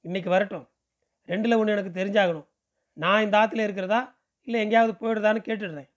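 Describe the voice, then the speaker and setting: A man's voice: sits high, steady tone, fast, highs cut off, lightly acted. A man reading a distressed elderly mother's anguished inner monologue in an audiobook. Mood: lamenting.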